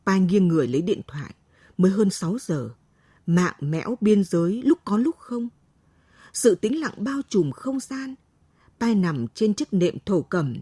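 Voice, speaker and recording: A woman narrates a story slowly, her husky voice dark and mellow. Her pitch rises and falls with feeling. The recording is dry and close, with no room sound. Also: dry recording. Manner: slow, expressive storytelling. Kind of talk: scripted narration.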